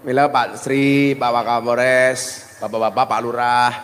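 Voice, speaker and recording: Joking Javanese preacher with hall reverb. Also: male voice, mid-range voice, little pitch movement, a little slow, fairly bright tone, slight background noise. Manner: joking, switches between plain talk and mock voices. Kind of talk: humorous sermon.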